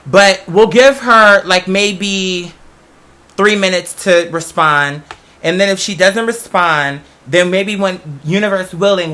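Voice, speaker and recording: Pushed and bright, a high male voice belongs to a podcast host telling personal stories on his casual talk show. The monologue is chatty and emphatic, broken up by asides where he questions himself.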